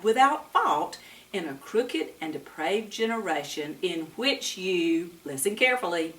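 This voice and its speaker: A fairly low, fairly bright female voice carries a read-aloud session for young kids. The speaker, a storyteller and Bible teacher, uses a sing-song delivery and asks the audience questions. The sound is roomy and echoing, the mic distant.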